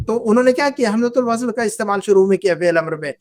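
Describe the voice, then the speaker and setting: A woman's voice: mid-range voice, a little mellow. A woman whose first language is Urdu, teaching an Arabic grammar lesson, patiently repeating verb forms and asking the class questions. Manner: asks the class questions and invites answers.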